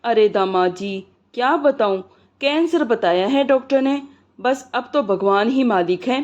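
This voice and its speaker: A woman's voice: a little high, lively intonation, a little slow. A woman voicing a sick old father-in-law who complains with indignant exasperation, in a dull lo-fi recording. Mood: weary.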